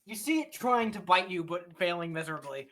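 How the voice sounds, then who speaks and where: A woman running a tabletop game as game master, dry and quick to laugh. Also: on the low side, animated, a bit bright, slight background noise.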